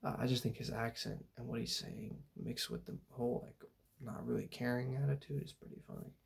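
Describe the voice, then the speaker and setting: Young guy soft-spoken asmr rambling, super gravelly husky voice, drifts around lazily. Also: medium pitch, steady tone, fairly quick. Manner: meandering, laid-back, many fillers. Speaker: ASMR channel host.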